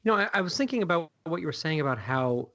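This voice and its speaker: A man's voice: fairly high pitch, expressive, quick pace, bright, forceful tone. A man interviewing someone in a casual, musing, rambling conversational way.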